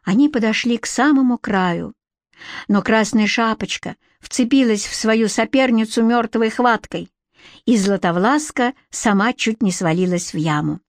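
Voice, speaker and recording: A woman's voice: a little high, unhurried, dry recording, studio quality. Woman narrating a storybook. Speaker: audiobook narrator.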